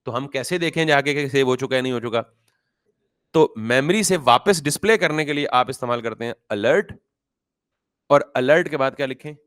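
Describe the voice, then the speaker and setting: A man's voice: medium pitch, moderate pace, fairly bright tone, smooth. A man teaching a beginner coding class. He explains with everyday examples, mixes in English terms, and keeps asking his students questions and answering them himself. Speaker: programming teacher. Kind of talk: classroom-style coding lesson.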